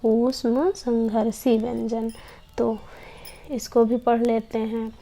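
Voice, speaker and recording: Woman teacher, mellow gravelly voice, slow and patient, sounds out each letter. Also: on the high side, level tone. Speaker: Hindi teacher. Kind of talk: slow classroom explanation.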